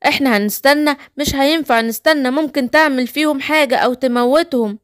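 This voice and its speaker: A woman's voice: high-pitched, a little fast, a bit bright, no echo, clean studio sound. A woman with an Egyptian accent voicing a brave male superhero who speaks urgently and decisively.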